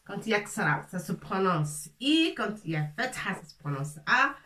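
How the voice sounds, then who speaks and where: A woman teaching a lesson in French, slowly drilling syllables as she writes on a board. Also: medium pitch, sing-song, bright, forceful tone, a little hiss or hum. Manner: slow, repetitive, drilling syllables. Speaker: Arabic teacher. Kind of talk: casual classroom lesson, writing on a board. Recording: echoey room, mic at a distance.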